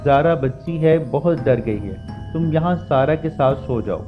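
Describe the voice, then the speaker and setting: Man voicing a calm father, reassuring, soothing, slightly higher voice, music bed. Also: dull audio, lightly acted.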